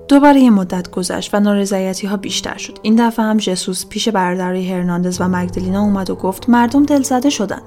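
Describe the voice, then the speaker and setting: A woman telling a true-crime story in a steady, dramatic narration. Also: medium pitch.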